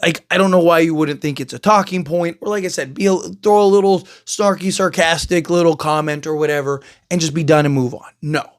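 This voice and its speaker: High-pitched male vlog host, exasperated rambling sports opinion rant. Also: fairly even intonation, brisk, few pauses. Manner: exasperated, rambling, heavy fillers. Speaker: channel host.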